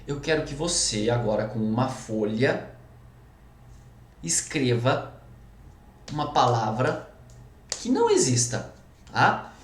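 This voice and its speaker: Animated chatty Brazilian man teaching. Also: mid-range voice, takes it slowly, pauses often, roomy sound. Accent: Brazilian Portuguese. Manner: chatty and animated, peppers lines with "pessoal" and "tá?". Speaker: Portuguese teacher. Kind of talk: recorded grammar lesson.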